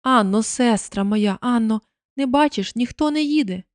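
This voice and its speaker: A woman voicing a frightened young wife in a storybook reading, pleading desperately and rising higher as she begs. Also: normal speed, darkish tone, dry recording, studio quality, lightly acted.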